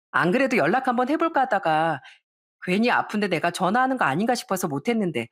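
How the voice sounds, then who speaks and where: A woman voicing a young bride-to-be who talks sweetly and then turns indignant and high-pitched in a storybook narration. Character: sweet-talking bride-to-be, turns shrill and defensive.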